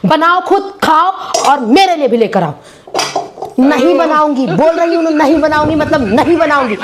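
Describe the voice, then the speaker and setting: A woman playing a brash, loud-mouthed young wife who scolds and defies her husband in a comedy sketch. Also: extremely high pitch, flat delivery, rapid-fire, background noise, pitched above the performer's own voice. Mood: defiant scolding.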